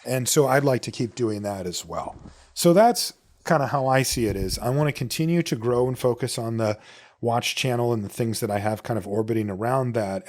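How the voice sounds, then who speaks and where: A middle-aged man from the United States, his voice on the low side with a darkish tone, hosts a podcast on his own. He chats casually, answering listener questions and sharing personal stories.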